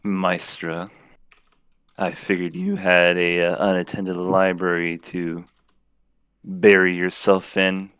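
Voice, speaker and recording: Man as a cold, sardonic archdevil woman, low and dry. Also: monotone, slow pace, a bit bright, smooth, dry recording. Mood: sneering. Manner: sneering, sardonic. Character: scornful female archdevil, cold and mocking.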